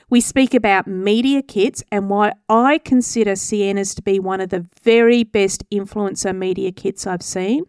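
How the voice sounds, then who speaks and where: A woman's voice: mid-range voice, a little mellow, clean tone, no room sound, studio quality. A woman introducing a podcast episode and its guest as host, speaking with a smile in her voice. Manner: smiling as she speaks.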